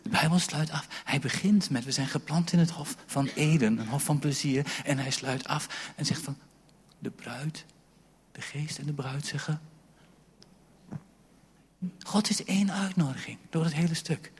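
A man's voice: fairly high pitch, moderate pace, husky. A male pastor giving a sermon in a church hall, preaching in a conversational way with asides to the congregation. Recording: long hall reverb.

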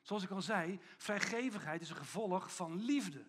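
A man preaching a sermon, swinging between loud, stressed lines and quiet, intimate asides. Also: high-pitched, expressive, moderate pace, background noise. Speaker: pastor.

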